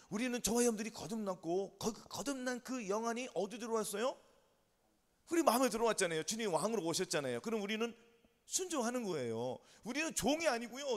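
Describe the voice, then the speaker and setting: A man preaching a sermon as pastor, telling a story with lively questions to the congregation. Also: high voice. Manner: animated storytelling with call-and-response questions. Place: church sanctuary. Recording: long church hall reverb.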